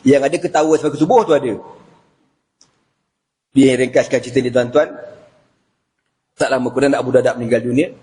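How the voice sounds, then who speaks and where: A man with a Malaysian Malay accent preaching an evening sermon, telling the story in a lively, humorous way to the congregation. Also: mid-range voice, brisk, pauses often. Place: mosque prayer hall. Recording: reverberant prayer hall.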